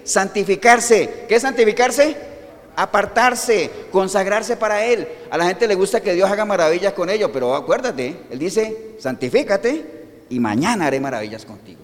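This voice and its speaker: Male preacher, high animated voice, questions the congregation, hall reverb. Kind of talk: sermon.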